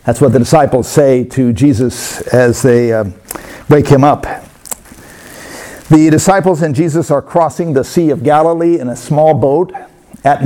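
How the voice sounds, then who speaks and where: Mellow-voiced male pastor preaching. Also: mid-range voice. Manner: storytelling, conversational with many pauses. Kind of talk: sermon.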